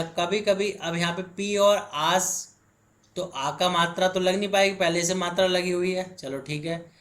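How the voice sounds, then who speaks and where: A man teaching grammar, explaining slowly word by word and checking in often with the class. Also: on the high side, a bit bright. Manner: slow, drawn-out word-by-word explaining, frequent "ठीक है" check-ins. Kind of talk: blackboard lesson.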